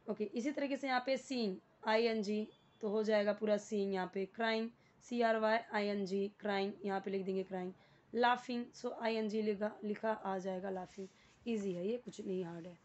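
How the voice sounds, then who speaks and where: A woman's voice: mid-range voice, steady tone, normal speed, a little mellow, lo-fi sound. A woman with an Indian accent teaching beginner English, explaining a worksheet patiently and spelling words out letter by letter.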